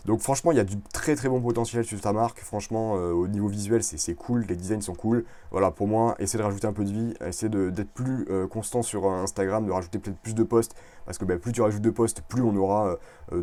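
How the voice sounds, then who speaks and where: A man casually reviewing clothing brands over a screen recording, chatty and relaxed, with many fillers and restarts. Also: fairly low pitch.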